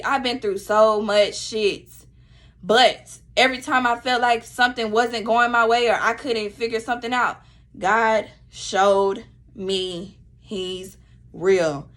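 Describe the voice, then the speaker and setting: A woman's voice: mid-range voice, a bit bright. A woman speaking talks straight to the camera in a casual motivational vlog. She is blunt and profane, and she preaches her point again and again. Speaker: vlogger.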